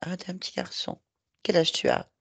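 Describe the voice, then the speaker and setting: A woman hypnotherapist guiding a hypnosis session, coaxing and reassuring with gentle repetition. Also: lowish voice, huge pitch swings, fairly quick, vocal fry, husky, no echo.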